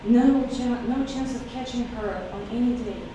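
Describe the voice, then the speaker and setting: At a normal speed and with a voice on the high side, a Russian-native woman presents her poem with a brief spoken intro, speaking emotionally and hesitantly with frequent fillers. It was recorded from far off in an echoey hall, leaving the audio distant, echoey, and noisy.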